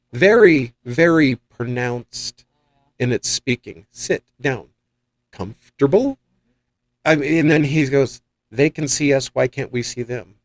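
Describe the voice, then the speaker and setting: In a dry recording, a man with a mid-range voice hosts a podcast, sharing rambling and excited stories in casual conversation. He is also a paranormal investigator.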